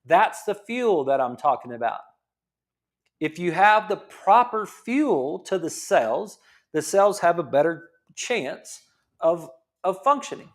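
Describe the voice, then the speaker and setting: Brief: chiropractor man, 50s, fairly high voice, talks it through with rhetorical questions. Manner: explains, repeats himself, asks rhetorical questions. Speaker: chiropractor host. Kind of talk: casual health talk.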